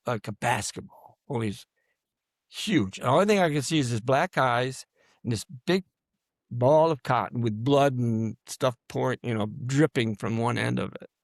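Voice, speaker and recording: A man in his seventies, a guest in an interview, recounting personal stories in a halting way that sinks to a near-murmur at grim moments. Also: medium pitch, no room sound, studio quality. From United States. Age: 70s. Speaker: guest, combat veteran.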